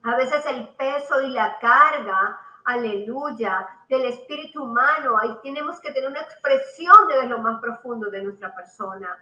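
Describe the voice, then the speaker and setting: A woman preaches a televised sermon in a bright, fairly high voice, repeating her phrases and throwing in hallelujah as she builds emphasis. The sound is echoey and slightly muffled. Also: normal speed, few pauses. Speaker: prophet and TV program host.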